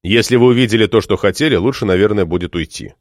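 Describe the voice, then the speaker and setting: A man's voice: fairly low pitch, fast talker, dry recording, clean studio sound, lightly acted. A man voicing a stern, curt male doctor who speaks dismissively.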